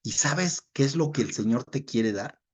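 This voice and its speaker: A man teaching a Bible study, reading verses aloud and explaining them, who often checks in with his listeners and fills pauses with short murmurs. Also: medium pitch, lively intonation, slightly rough.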